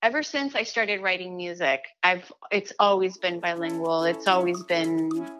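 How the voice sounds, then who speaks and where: Music plays beneath a lowish female voice with fairly even intonation and a moderate pace. She's a singer-songwriter, musician and teaching artist from Chile and the United States. In the interview she is earnest, emphatic and conversational, and she keeps repeating her phrases.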